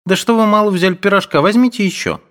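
A man's voice: high voice, fast, a bit bright, pitched above the performer's own voice. A man reading aloud voices a doting elderly mother who fusses over her guests in a coaxing, sing-song way. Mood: fussing hospitable.

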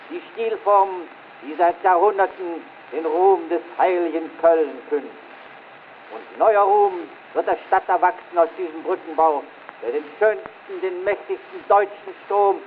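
Blechern verrauschte historische Festrede eines Mannes. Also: male voice, high voice. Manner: solemn, declamatory, grandiloquent. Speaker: government official giving a dedication speech. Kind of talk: formal ceremonial oratory, early 1900s. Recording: scratchy, tinny early 1900s phonograph recording.

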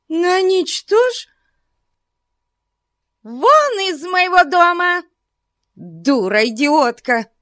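A woman's voice: very high voice, dry recording, pitched above the performer's own voice, exaggerated voice. A rich old spinster shrieks and commands in a voice pushed far up and swinging wildly, as a woman reads her part. It is dry and close, with no room around it. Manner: shrieking, imperious.

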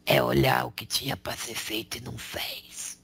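Man channeling a gravelly whispering street-preacher spirit. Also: medium pitch, flat delivery, moderate pace, sharp tone, heavily acted. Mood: preaching. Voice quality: raspy whisper. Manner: slangy, sermonizing, rhetorical questions. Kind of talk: spiritual counsel.

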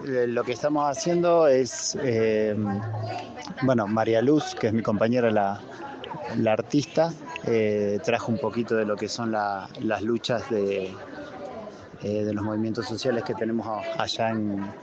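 A man's voice: on the low side, steady tone, unhurried. A man with an Argentine accent speaking hesitantly, with many restarts, at an outdoor community gathering. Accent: Argentine Spanish. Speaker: event participant. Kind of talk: vox-pop interview. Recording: lo-fi outdoor field recording with crowd.

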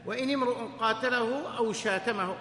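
A man's voice: very high voice, a little fast, a crowd in the background. A man teaching a lesson in a mosque study circle, correcting his reader and joking with the students. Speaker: sheikh teaching hadith. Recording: echoey hall, faint hum.

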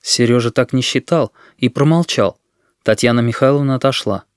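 Male audiobook narrator, steady and even, mid pitch, dry close sound. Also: moderate pace, clean tone, dry recording. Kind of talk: scripted narration.

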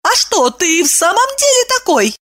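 Brief: a woman reading a young indignant wife in a storybook, shrill and swooping, easily outraged. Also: sing-song, measured pace, fairly bright tone, exaggerated voice. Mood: flustered. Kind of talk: audiobook dialogue reading.

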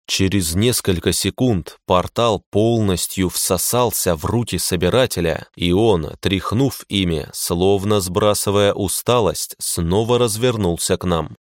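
A man reading a fantasy audiobook in a measured, grim first-person narration. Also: low-pitched, no room sound, studio quality.

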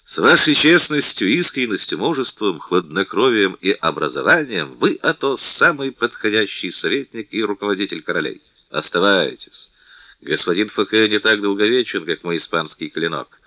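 A jovial, persuasive musketeer captain, given voice by a man reading a storybook. His low voice is bright and ranges widely. The sound is dry and a little muffled. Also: sing-song, normal speed, dry recording. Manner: hearty, persuasive, teasing. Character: bold, jovial middle-aged musketeer captain.

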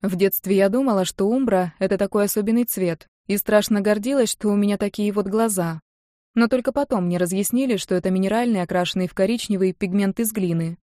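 A woman's voice: mid-range voice, quick pace, mellow, dry recording, studio quality. A young woman narrating a first-person audiobook in a wry, matter-of-fact way. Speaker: audiobook reader.

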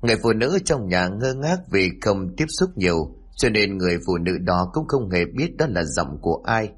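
Low, husky male narrator for a somber ghost story. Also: very animated, normal speed. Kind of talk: scripted horror narration.

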